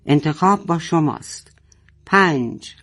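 A menacing storybook villain roars his threats through a loudspeaker, as a man reads him. He is loud, raised and commanding. He delivers cold ultimatums. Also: fairly high pitch, lively intonation. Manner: roaring, threatening. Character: menacing male villain roaring over a loudspeaker.

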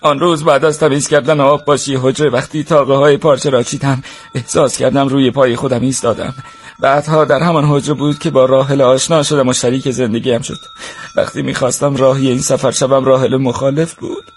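A man's voice: medium pitch, level tone, husky, pitched above the performer's own voice, lightly acted. A man voicing an anxious young male merchant brooding to himself in a storybook. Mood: wistful. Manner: brooding inner monologue.

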